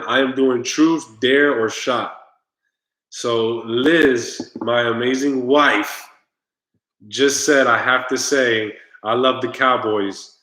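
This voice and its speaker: A man's voice: mid-range voice, a bit bright, roomy sound, low-quality recording. A man hosting his own live stream, chatting casually and straight to his viewers. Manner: laid-back, talks straight to viewers, groans at the drink.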